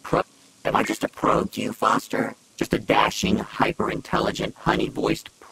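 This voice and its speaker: Gravelly, sarcastic robot sidekick. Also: male voice, medium pitch, moderate pace, full character voice, low-quality recording. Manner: sarcastic, mock-flattering, dry. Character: sarcastic male robot sidekick, a dry droid. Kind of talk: video game voice acting.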